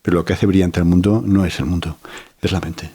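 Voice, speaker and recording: Deep husky-voiced man. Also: fairly even intonation, a little fast, dark tone. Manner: reflective, many "¿no?" tags and restarts. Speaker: psychiatrist guest. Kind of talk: calm explanatory interview talk.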